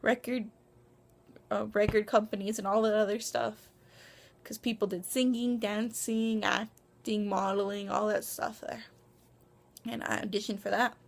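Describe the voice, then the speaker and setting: Gravelly young woman rambling to camera. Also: mid-range voice, flat delivery, unhurried, long pauses. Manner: rambling, lots of ums and restarts, self-conscious. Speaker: vlogger. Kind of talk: casual vlog monologue. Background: dog barking.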